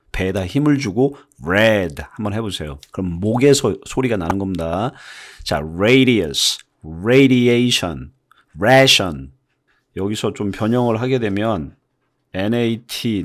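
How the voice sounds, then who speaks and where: In a video lesson, a man whose first language is Korean teaches English phonics with a voice on the low side. He explains patiently and repeats example words to demonstrate the vowel sounds.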